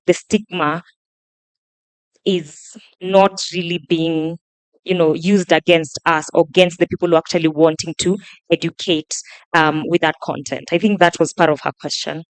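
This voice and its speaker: A woman's voice: fairly low pitch, fairly even intonation, normal speed, smooth, no room sound. A woman in her thirties moderating a live panel, relaying audience questions with frequent fillers. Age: 30s.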